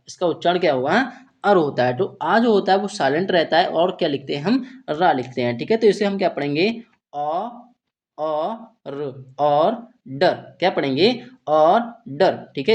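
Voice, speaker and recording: A man's voice: on the high side, a little mellow. Patient Hindi-speaking male English tutor. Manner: repeats "theek hai" and asks himself questions; slow, patient, step-by-step explaining. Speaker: English teacher. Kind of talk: Hindi-language phonics lesson.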